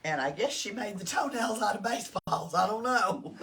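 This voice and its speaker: Reading a picture book aloud for a library storytime, a Southern US woman uses a mid-range voice and an expressive style. She keeps the children involved by stopping to ask questions. There's noticeable room noise from the distant mic.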